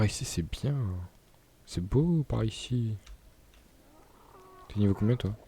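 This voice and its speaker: Chatting loosely about his gameplay, this young man laughs and stumbles over words as a gaming YouTuber. His voice is on the low side with a dark tone, and the recording has no room sound.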